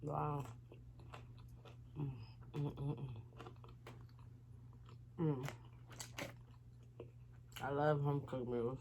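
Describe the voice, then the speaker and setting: A woman's voice: sits low, flat delivery, extremely slow, long pauses, background noise. A woman vlogger talking casually and slangily to viewers while she eats, rambling between savoring hums. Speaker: mukbang vlogger. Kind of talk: casual eating-show chat to viewers.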